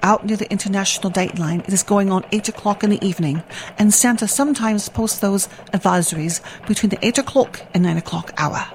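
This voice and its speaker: Brisk elf correspondent, a woman playing her, middle-pitched, matter-of-fact radio news parody. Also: a little mellow, a little hiss or hum, close to an everyday voice. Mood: attentive.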